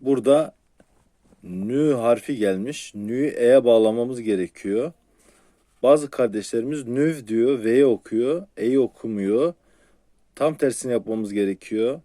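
A man teaching Quran reading in a patient, step-by-step lesson. He repeats syllables slowly, asks his viewers questions and answers them himself. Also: mid-range voice, warm tone, no room sound, studio quality.

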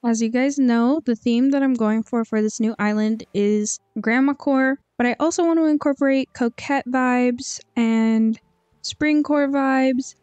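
A woman's voice: a little high, steady tone, normal speed, few pauses, a little mellow, clean tone, no echo. A young woman hosting a gaming channel, chatting casually over gameplay in an upbeat way with a slight lisp from braces. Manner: chatty and upbeat, with frequent ums. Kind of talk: casual game commentary voice-over.

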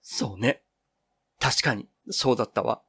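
A man's voice: mid-range voice, a little slow, fairly bright tone, husky, dry recording, clean studio sound, exaggerated voice. Man voicing impassioned young schoolgirl Toku. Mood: subdued. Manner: impassioned, lamenting. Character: anxious young woman student Toku.

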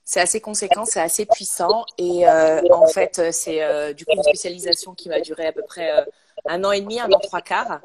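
A woman's voice: lowish voice, brisk, a loud crowd. A woman speaking as a psychogenealogist guest in a casual live-stream interview, hesitant and full of filler sounds, speaking into a phone. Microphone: phone, later a headset.

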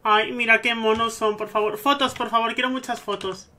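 A man with a Spain Spanish accent giving gushing, excitable let's-play commentary over a life-sim game. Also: extremely high pitch, normal speed, slight background noise. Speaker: gaming streamer.

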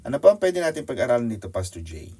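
Animated Filipino man preaching. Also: very fast, slightly rough. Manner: animated, teasing, jumps high in pitch for emphasis. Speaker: pastor. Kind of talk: sermon teaching.

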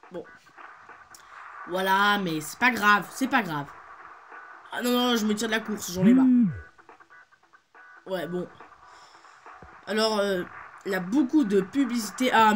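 This teen's high, fairly bright voice carries his loose, joking commentary on a game, broken up by frequent hesitations. Game music plays behind him as he hosts the video.

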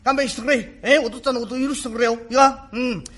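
Man playing a rough remorseful working father. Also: extremely high pitch, fairly even intonation, fast talker, a bit bright. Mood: apologetic. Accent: Tokyo shitamachi (Edo). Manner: rough, apologetic, gruff tenderness. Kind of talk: rakugo storytelling.

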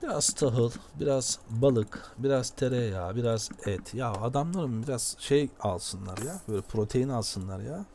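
A man giving casual, excitable commentary while playing a video game, often shouting at it. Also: mid-range voice, a little slow, hardly any pauses, a little hiss or hum. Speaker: gameplay commentator.

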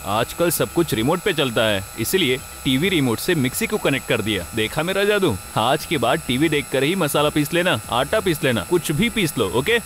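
A man's voice: fairly high pitch, very animated, moderate pace, hardly any pauses, a bit bright, slight background noise. A man dubbing a cheeky, playful young man who talks back to his mother, in a dubbed movie. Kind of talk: Hindi movie dub.

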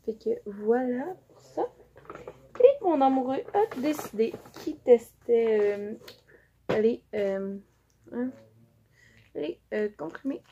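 A young vlogger with a Quebec French accent uses a warm, expressive, fairly high voice, talking slowly and pausing often. She chats casually through a haul video, showing items to the camera with many fillers. There's faint noise over the dull lo-fi audio.

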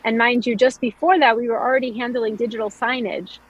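An Israeli woman in her thirties, a startup founder and CEO, tells her story as a guest in a video call interview. She speaks briskly and fluently, with frequent ums and restarts, in a high-side, fairly even, slightly rough voice. The audio is dull.

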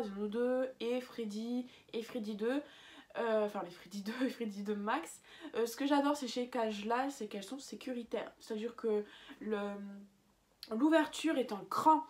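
Chatty woman with a higher voice. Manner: chatty, many fillers and restarts, laughs at own slips. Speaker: bird-keeping vlogger. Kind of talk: casual advice vlog.

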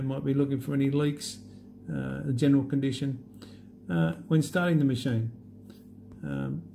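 A man walking through an app demo in a relaxed, halting way with many fillers. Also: medium pitch, vocal fry, slight background noise. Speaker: app demonstrator. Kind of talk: unscripted screen demo walkthrough.

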